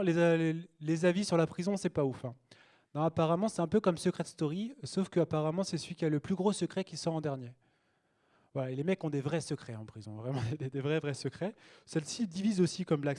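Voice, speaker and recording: A man's voice: a little high, a little mellow. A young man performing a stand-up routine on a small cabaret stage, cheeky and chatty with a loose delivery. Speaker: stand-up comedian.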